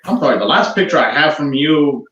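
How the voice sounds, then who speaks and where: A man's voice: fairly high pitch, lively intonation, a little fast, a bit bright. A man calling in to a podcast over a poor remote microphone that makes him sound like he is talking through a tin can, easygoing and joking, shifting into mock news-anchor commentary. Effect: tinny tin-can sound from a poor remote microphone. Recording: echoey, dull lo-fi remote mic.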